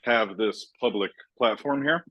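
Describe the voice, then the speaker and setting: Measured man with a lowish voice. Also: highs cut off. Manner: measured, deliberate, speaks in careful full arguments. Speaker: committee member. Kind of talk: public committee meeting discussion.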